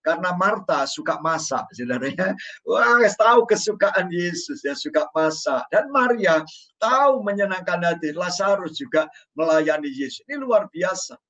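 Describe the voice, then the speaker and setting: A man preaching a sermon as pastor in a church, animated and joking, acting out quoted voices. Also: high-pitched, moderate pace. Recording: dull sound from a distance.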